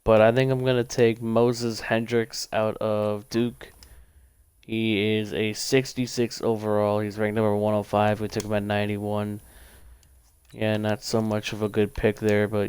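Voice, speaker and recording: A man's voice: fairly low pitch, little pitch movement, darkish tone, smooth, dry recording. Young man streaming, casual rambling talk. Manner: rambling, thinks aloud, quick bursts. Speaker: livestreamer. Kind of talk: casual gaming commentary.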